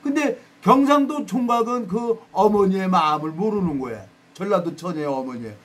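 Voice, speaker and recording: Korean guy preaching, high voice, reads scripture then tells stories, acts out the voices. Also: expressive, normal speed. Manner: storytelling, dramatic quoted voices, self-deprecating asides. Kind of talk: sermon.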